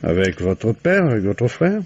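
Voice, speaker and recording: This actor's lowish voice is very animated and a little slow as he portrays a patient, shrewd commissioner in a 1950s French radio mystery play. He probes paternally and conversationally, muttering prompts, through a muffled old radio recording.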